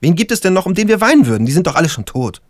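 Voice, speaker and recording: A man reading an audiobook, voicing a crude, excitable young stoner who works as a stonemason and speaks in a blustery way. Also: high voice, racing, dry recording, studio quality, pitched above the performer's own voice. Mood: excited. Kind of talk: audiobook character voice.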